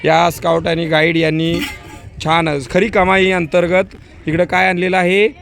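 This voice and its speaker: A male school teacher touring an outdoor school market, briskly coaxing children with quick prompts. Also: high voice, monotone, vocal fry, fairly bright tone. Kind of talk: walking tour of a school market stall by stall. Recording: noisy crowd of children outdoors.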